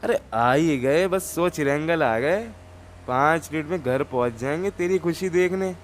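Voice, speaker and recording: A man's voice: a little high, unhurried, soft background music, close to an everyday voice. A man voicing a hot-tempered young gang leader who swears and threatens, in a game roleplay. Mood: taunting.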